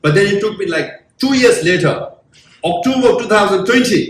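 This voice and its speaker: A man's voice: sits high, quick pace. A middle-aged man giving a motivational talk to a live audience, telling stories animatedly and acting out the voices he quotes. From Tibetan. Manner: animated storytelling, acts out quoted voices, asks the crowd questions. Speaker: guest speaker. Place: large room with a live audience. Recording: roomy echo, voice from a distant mic.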